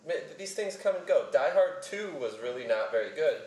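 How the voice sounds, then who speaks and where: Animated man rambling on a podcast. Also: a little high, a little fast. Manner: rambling, self-deprecating, laughs often. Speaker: podcast host. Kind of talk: casual chat. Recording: roomy echo, a bit far from the mic.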